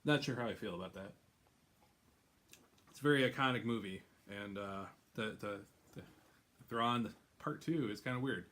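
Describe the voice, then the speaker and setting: A male host chatting in a casual, rambling way at a middle pitch, often breaking into laughter. His talk wanders between topics before getting back on track. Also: moderate pace, pauses often, a bit bright. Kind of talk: casual chat.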